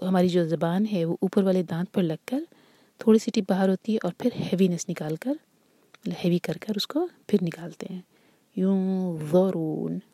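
A woman teaching tajweed, reciting words slowly and drawn out, then explaining the rules in a soft, often whispery voice. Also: fairly low pitch, breathy edge, no room sound. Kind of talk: tajweed lesson, slow demonstrations then explanation.

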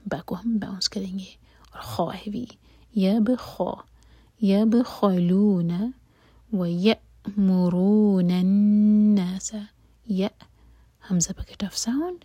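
A woman teaching Quran recitation rules, explaining in a soft whisper and then reciting slowly with long drawn-out vowels. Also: mid-range voice, slightly rough, dry recording. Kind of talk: tajweed lesson with recitation.

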